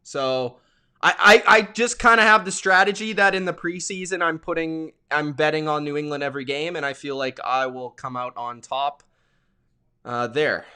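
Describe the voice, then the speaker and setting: High, bright-voiced man hosting a game stream. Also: normal speed, smooth. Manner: excitable, chatty, greets viewers by name. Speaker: live stream host. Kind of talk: live play-by-play reaction stream.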